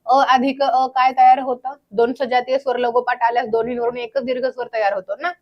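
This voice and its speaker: A young woman teaching a grammar lecture, drilling terms slowly and asking the class questions that she then answers herself. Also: a little high, level tone, lo-fi sound.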